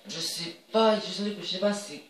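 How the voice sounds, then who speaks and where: A man casually commenting on his own soccer video game match, chatty and excitable, cheering on his players. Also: sits high, moderate pace, roomy sound, distant mic, slight background noise, low-quality recording.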